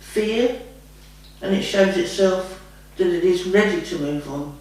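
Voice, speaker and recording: A woman's voice: fairly low pitch, measured pace, darkish tone. A woman speaking as a trance medium, answering questions in a homely, rambling way and calling the listener lovey. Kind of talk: spiritual guidance session, casual chat. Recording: very echoey room, far from the mic.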